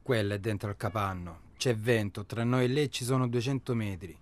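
An actor in a radio drama playing a calm man who flatly dismisses his companion's fears. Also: on the low side, a little fast, lightly acted. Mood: dismissive. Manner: flat, matter-of-fact, dismissive.

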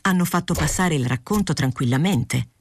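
A woman voicing an aging male journalist who is mild, polite and quietly insistent, in a literary audiobook. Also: low-pitched, expressive, moderate pace, slight background noise.

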